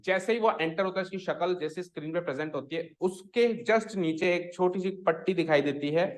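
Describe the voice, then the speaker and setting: A man's voice: sits high, a little fast. A man teaching a school maths class, mixing Hindi with English and drilling students on pronunciation. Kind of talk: classroom lecture.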